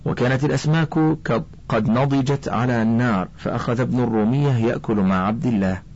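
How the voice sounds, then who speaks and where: A man narrating a storybook in a calm, measured reading. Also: medium pitch. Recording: dull lo-fi recording.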